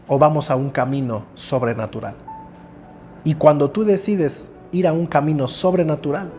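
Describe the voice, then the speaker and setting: A male pastor preaching a sermon to his congregation, speeding up and then slowing to soft, drawn-out phrases. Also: on the high side. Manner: expressive preaching, swings from quick to slow and soft, addresses congregation.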